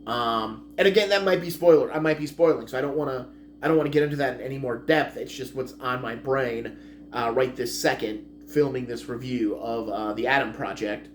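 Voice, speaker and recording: A man's voice: medium pitch, fairly quick. A man giving a casual spoken movie review, rambling and correcting himself as he goes. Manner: rambling, self-correcting, chatty.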